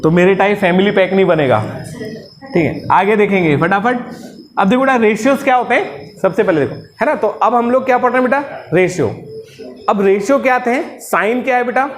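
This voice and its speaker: High-voiced man teaching a lively, joking lesson. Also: fairly quick. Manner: jokey, keeps asking "है ना?" and calls students "बेटा". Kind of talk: classroom lecture.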